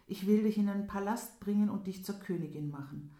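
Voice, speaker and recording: A woman's voice: medium pitch, fairly quick, dark tone, pitched above the performer's own voice, close to an everyday voice. A woman voicing a young prince, desperately in love and pleading in a fairy tale. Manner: pleading, impassioned. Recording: roomy echo.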